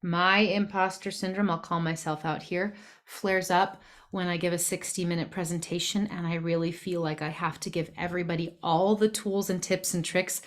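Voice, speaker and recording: A woman coach giving a thoughtful, explanatory presentation with frequent fillers. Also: fairly low pitch. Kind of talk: presentation talk.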